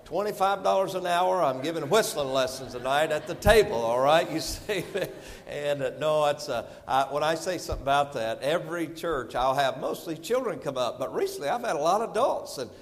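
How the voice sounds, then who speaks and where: A man's voice: fairly high pitch, animated, a little fast. Middle-aged North Carolina man, guest preacher, homespun and rambling, voice ringing in a large hall. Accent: North Carolina Southern. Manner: folksy, rambling, full of "and, uh" fillers. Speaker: visiting preacher. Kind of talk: sermon. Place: church sanctuary.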